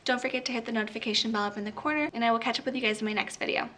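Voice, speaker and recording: A woman's voice: fairly high pitch, steady tone, very fast, sharp tone, a little hiss or hum. A young woman, a teacher, giving a casual, rambling tour of her classroom while walking a camera around. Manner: chatty, rambling, many "like" fillers. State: slightly out of breath. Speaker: teacher and vlogger. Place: classroom, indoors.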